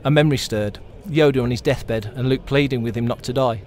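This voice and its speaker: A man's voice: medium pitch, brisk, darkish tone, slight background noise. Man reading a novel aloud on a show floor. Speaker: audiobook narrator.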